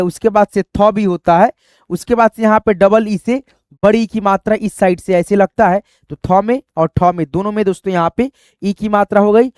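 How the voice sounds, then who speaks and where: A man's voice: high-pitched, a little mellow, dry recording, clean studio sound. A man teaching a reading lesson, patiently repeating each step and addressing viewers as friends. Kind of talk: explaining a spelling lesson.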